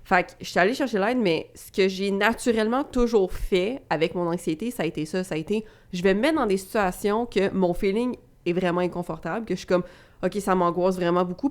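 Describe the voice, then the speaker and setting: A young woman with a Québécois French accent, co-hosting a podcast in casual, animated, teasing chat. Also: fairly low pitch. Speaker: podcast co-host, coach.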